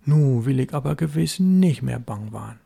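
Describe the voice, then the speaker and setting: A man's voice: medium pitch, lively intonation, normal speed, gravelly, dark tone, breathy edge, full character voice. A man voicing a stubborn, earnest little boy with a raised, pleading voice in a storybook reading. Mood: sulky.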